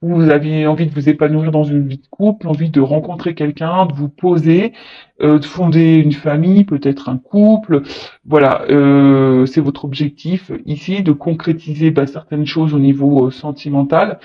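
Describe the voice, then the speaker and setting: A woman's voice: low voice, fairly even intonation, normal speed, muffled recording. A woman giving a casual tarot reading to her viewers, talking hesitantly with many fillers and restarts, chatty and a little teasing. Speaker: tarot card reader.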